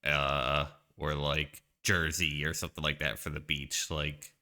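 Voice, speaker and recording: A man's voice: rumbling low, level tone, a little slow, sharp tone. A man from the United States co-hosting a game stream, chatting in a laid-back way with many fillers. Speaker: streamer co-host. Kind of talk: casual chat while gaming.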